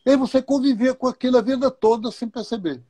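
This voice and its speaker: In a live online talk, this male guest explains his thinking slowly and thoughtfully, weaving in questions and examples as he goes. His pitch is extremely high, with a mellow, slightly rough quality and no echo.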